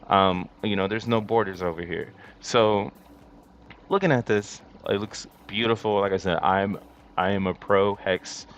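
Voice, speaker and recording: Deep-voiced crypto bro guy livestreaming. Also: creaky, fairly bright tone. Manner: crypto bro hype talk, slangy and boastful. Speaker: livestream host. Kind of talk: casual crypto commentary to a live chat. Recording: dull lo-fi mic with faint background noise.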